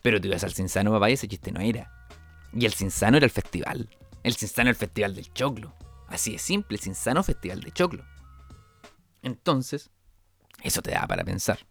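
A man's voice: fairly low pitch, animated, brisk, vocal fry, pauses often, fairly bright tone, faint music behind. A young man with a Chilean accent, a comedian telling rambling stories of his stand-up shows, full of sound effects and restarts. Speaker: comedian host. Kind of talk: comic storytelling.

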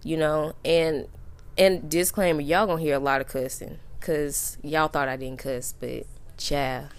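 A young woman with a Southern US accent hosting a casual podcast chat, animated and swearing freely. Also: sits low, measured pace. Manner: animated, cussing, fillers like "you know what I'm saying". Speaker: podcast host.

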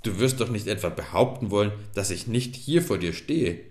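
A man voicing a cheeky little water-sprite boy, high and indignant, in an echoey room. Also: animated, moderate pace, darkish tone, lightly acted.

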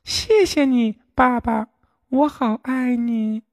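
Storybook duckling, tiny and sweet, shrill childlike calls. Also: male voice, takes it slowly, dry recording, clean studio sound, heavily acted. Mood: eager. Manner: high squeaky childlike calling. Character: tiny newly hatched duckling, clingy and sweet.

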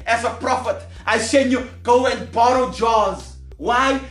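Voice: mid-range voice, fairly bright tone. A preacher delivering charismatic prophecy and prayer in a fervent, commanding way, repeating phrases insistently. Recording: echoey sound with music behind. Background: music.

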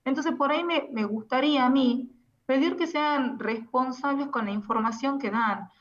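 A woman's voice: sits high, normal speed. A woman calling in to a radio interview on a phone held away from her mouth, firmly and insistently rebutting claims. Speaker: interview guest, sister of the accused. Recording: distant muffled phone line.

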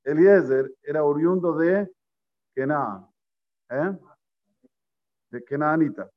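Speaking slowly in a slightly high voice, a man teaches Torah to a group gathered in person. His lesson weaves stories and questions for the audience with Hebrew terms, captured in lo-fi quality.

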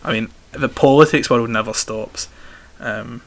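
Speaking a little slowly in a mid-range voice, this young Glasgow man has a broad Scottish accent. He chats freely while answering interview questions, frequently repeating how his phrases begin.

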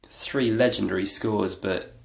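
Male podcast host, low gravelly voice, flat delivery, rambling and self-deprecating, echoey room. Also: a little slow. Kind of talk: casual solo podcast talk.

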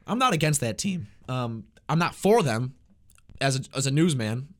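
A man's voice: medium pitch, very animated, normal speed. A young male student hosting a campus sports talk show in an easy, conversational way. He stumbles and doubles back often, repeating words as he thinks aloud. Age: young adult.

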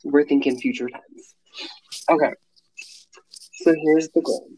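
A man's voice: fairly high pitch, steady tone, a little slow, mellow, rough recording. A man in his late twenties co-hosting a casual podcast, rambling and restarting sentences with plenty of enthusiasm. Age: late 20s. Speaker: podcast co-host.

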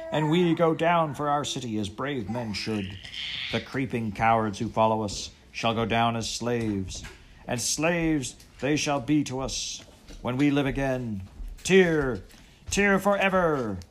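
A man voicing a fierce, proud sea captain who speaks in a loud, declamatory way. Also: fairly low pitch, moderate pace, a little hiss or hum, natural voice. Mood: rousing.

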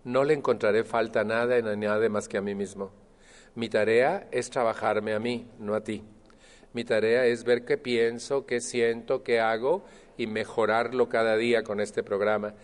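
A man speaking to a support group, animated and acting out others' voices. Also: on the low side, moderate pace. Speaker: Al-Anon speaker. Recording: long hall reverb.

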